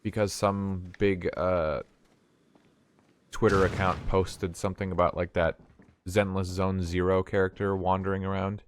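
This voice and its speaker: A man's voice: sits low, a little hiss or hum. A man streaming a video game, rambling and thinking aloud in casual commentary, swearing now and then.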